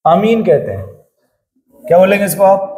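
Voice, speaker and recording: A man's voice: high-pitched, big pitch swings, normal speed, mellow, roomy sound, poor audio. A male chemistry teacher giving a classroom lecture, chatty, quizzing the class and telling jokey stories. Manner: chatty, asks the class questions, tells jokey anecdotes.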